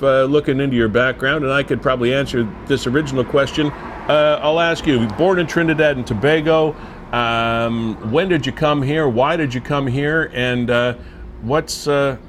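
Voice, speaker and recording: A man hosting an interview show, talking in a loose, chatty way with frequent pauses. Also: medium pitch, slight background noise. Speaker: show host. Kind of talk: casual interview chat.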